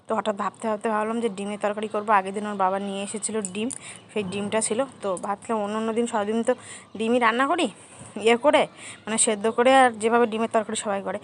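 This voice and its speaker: A young woman narrating a casual family vlog in a chatty way, talking softly to her young son at times. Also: medium pitch, steady tone, fast, slight background noise. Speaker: family vlogger.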